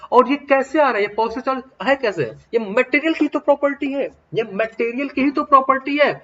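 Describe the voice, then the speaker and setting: A male teacher giving a science lesson. He keeps asking questions and answering them himself, and he reads out English definitions slowly. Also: high voice. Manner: repetitive question-and-answer explaining. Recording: dull lo-fi recording.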